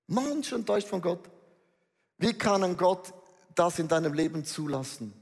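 Guy preaching, high-ish voice, punchy and slangy, tosses in english words, long echo off the hall. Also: expressive, moderate pace, vocal fry, slightly rough. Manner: emphatic, drops in English phrases. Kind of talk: sermon. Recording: reverberant hall.

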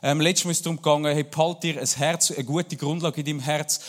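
A man's voice: fairly high pitch, fairly even intonation, fast. A pastor with a Swiss German accent preaching a sermon and speaking personally to his congregation. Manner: warm, personal address to the congregation.

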